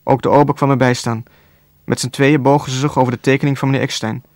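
A man calmly reading a novel aloud as narrator. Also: medium pitch, fast talker, no echo, studio quality. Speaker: audiobook narrator. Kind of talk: scripted narration.

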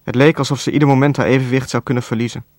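A man reading a novel aloud as narrator, in a calm, even storytelling voice with a dry wit. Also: mid-range voice, racing, dry recording. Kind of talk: scripted audiobook narration.

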